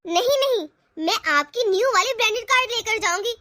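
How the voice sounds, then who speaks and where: A woman voicing a spoiled, eager young college girl in an animated family cartoon, wheedling to get her way. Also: extremely high pitch, fairly quick, slight background noise, heavily acted.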